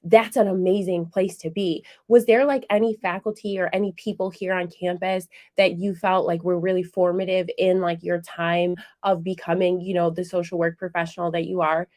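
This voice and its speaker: A woman hosting a college radio interview, enthusiastic and animated, with many fillers and "like"s. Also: fairly low pitch, moderate pace, few pauses. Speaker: radio show host. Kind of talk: conversational interview.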